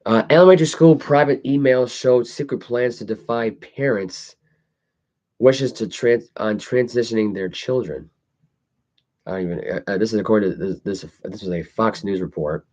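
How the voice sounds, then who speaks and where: A man's voice: lowish voice, normal speed, a little mellow. A man hosting a podcast, reading and commenting on news casually, stumbling over words with imprecise articulation. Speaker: podcast host. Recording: dull lo-fi audio.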